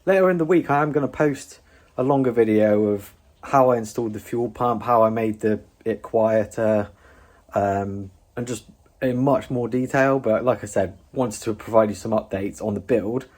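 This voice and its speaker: A man's voice: fairly low pitch, moderate pace, darkish tone. A man hosting a do-it-yourself build video, explaining the work in an informal, casual way. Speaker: DIY bus conversion video host.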